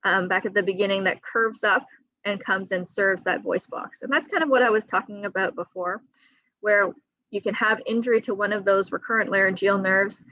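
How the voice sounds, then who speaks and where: A woman surgeon on a video call, explaining surgery risks to patients in a clear, teaching manner with a few fillers. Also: mid-range voice, steady tone, normal speed, sharp tone, no room sound, lo-fi sound. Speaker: thyroid surgeon. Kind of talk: patient education talk. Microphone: computer mic on a video call.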